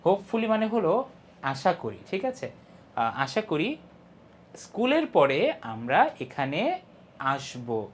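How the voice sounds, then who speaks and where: A young man teaching an English lesson, explaining step by step, reading English lines slowly and stressing key syllables. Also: fairly high pitch, wildly swooping pitch, slight background noise. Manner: explains step by step, often asks "ঠিক আছে?". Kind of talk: online class lesson.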